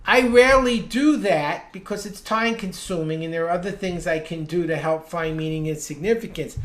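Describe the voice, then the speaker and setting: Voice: mid-range voice, normal speed. A reading skills instructor teaching a live webinar, explaining patiently and stressing single words to show how inflection changes meaning. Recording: roomy echo.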